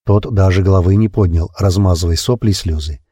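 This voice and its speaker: A man narrating a first-person audiobook in a lively, expressive storytelling manner, close to the mic. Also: low voice, a little fast, slightly rough, dry recording.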